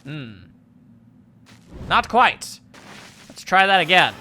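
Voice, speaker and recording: A man's voice: sits high, big pitch swings, slow pace, bright, forceful tone, slight background noise. A man playing a video game and giving casual, joking commentary, wry and rambling as he thinks aloud. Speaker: video game let's player.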